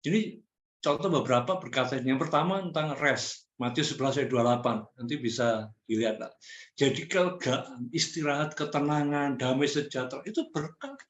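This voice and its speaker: Male preacher, mid pitch, casual direct sermon delivery, roomy reverb. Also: fairly quick. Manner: conversational preaching, direct challenges to the congregation. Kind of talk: sermon teaching.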